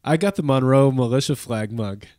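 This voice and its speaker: A man's voice: mid-range voice, normal speed, mellow, no echo, studio quality. A man in his thirties with a nasal, stuffy voice from a head cold, hosting a casual podcast chat and rambling with frequent restarts. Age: 30s. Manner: rambling, self-correcting, chuckles often. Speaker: podcast host.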